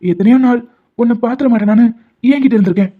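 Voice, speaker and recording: For an animated love-story dub, a voice actor plays the male lead, a stubborn young doctor who teases the heroine with pet names and insists she's his wife, speaking very fast in a medium-pitched, near-everyday voice. The lo-fi audio is dull, with faint music underneath.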